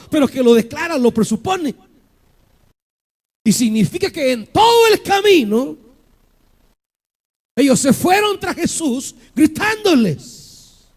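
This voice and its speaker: High-voiced impassioned preacher man. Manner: impassioned preaching with rhetorical questions and shouted peaks. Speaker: pastor. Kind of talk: sermon.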